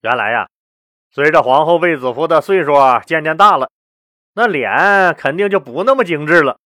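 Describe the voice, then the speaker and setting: A male podcast host telling old court history in a lively, chatty way, often stopping to ask the listener questions. His voice sits fairly high for a man. The recording is dry and close, with no room sound. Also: normal speed, no echo. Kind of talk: colloquial history storytelling.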